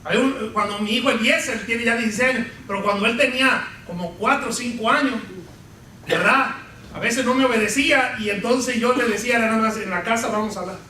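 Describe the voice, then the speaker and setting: A middle-aged Venezuelan man preaching a sermon as pastor, lively and humorous, telling stories about his family. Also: very high-pitched, a little fast, slight background noise. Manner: animated preaching with humorous anecdotes. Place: church sanctuary. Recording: echoey church hall from far off.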